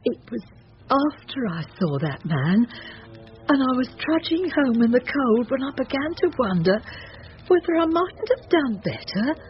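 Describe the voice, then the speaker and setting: In a muffled, hissy old-time radio drama, a woman plays a flustered, remorseful working-class Victorian wife and mother. Her high-pitched, very animated voice moves unhurriedly through tearful, fretful confiding full of sighing exclamations and regret.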